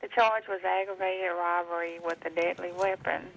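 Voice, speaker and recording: A woman's voice: on the low side, fairly even intonation, moderate pace, creaky, a bit bright. Hesitant woman caller on a phone line. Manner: hesitant, many fillers and apologies. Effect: over the phone. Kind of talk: casual call-in question.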